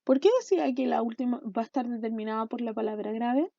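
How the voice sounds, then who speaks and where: A woman's voice: a little high, fast, creaky, dry recording. Patient woman teacher, dull lo-fi audio. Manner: patient, step-by-step explaining with frequent check-ins. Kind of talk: online class lesson. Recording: dull lo-fi sound.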